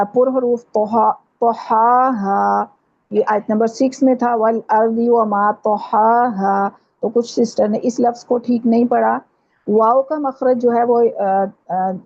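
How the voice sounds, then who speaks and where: A woman teaching Quran recitation in an online class, explaining patiently and repeating sounds slowly to demonstrate. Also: a little high, creaky, mellow, slightly rough, no echo. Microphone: video call. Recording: dull lo-fi call audio.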